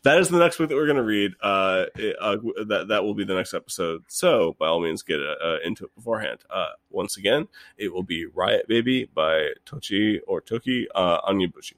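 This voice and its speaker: A man's voice: sits low, lively intonation, brisk, few pauses, a bit bright. A man co-hosting a casual book podcast, joking and rambling with frequent restarts. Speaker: podcast co-host.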